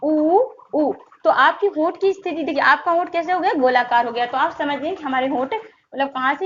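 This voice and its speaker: A high-pitched woman with a fairly bright tone teaches an exam-prep Hindi grammar lesson, asking questions again and again in call-and-response style. She stretches vowel sounds to demonstrate them. The recording is slightly dull and lo-fi, with a faint hiss behind her.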